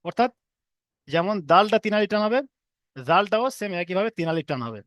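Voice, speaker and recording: A man's voice: high-pitched, lively intonation, fairly quick, dry recording, dull audio. A man teaching an online class, patiently repeating and drilling each letter sound for his students.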